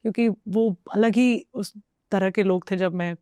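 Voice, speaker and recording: A young woman from northern India talks through her own experiences in a reflective, easygoing way. She switches between Hindi and English in the middle of her sentences. Her voice sits at a medium pitch and sounds dry and close to the mic. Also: steady tone, unhurried, dark tone, no echo. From Uttar Pradesh, India. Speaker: guest. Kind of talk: casual conversation.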